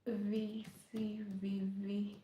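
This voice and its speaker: This young woman from Kenya, chatting on a livestream in an echoey room, has a medium-pitched, dark voice and a completely flat delivery with drawn-out words. She often whispers and hums song lines, and there's slight hiss or hum.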